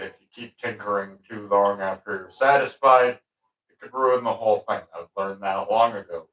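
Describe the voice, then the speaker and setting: A man casually thinking out loud while he paints, chatting with viewers in a relaxed, rambling way. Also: lowish voice, far from the mic. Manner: relaxed, rambling, talks to himself and chat. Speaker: painter streaming his work. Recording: roomy sound, speaker away from mic.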